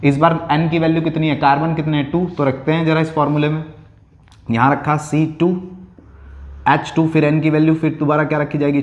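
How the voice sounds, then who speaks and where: A man's voice: medium pitch, darkish tone. A male chemistry teacher giving a classroom lecture, explaining step by step and asking questions he then answers himself. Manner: slows down to dictate key lines. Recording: echoey room.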